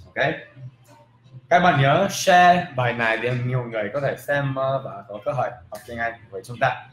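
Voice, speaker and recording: A man teaching English pronunciation in a casual video lesson, repeating example words slowly and with emphasis. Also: medium pitch, a bit bright. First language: not Vietnamese. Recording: roomy with faint background noise.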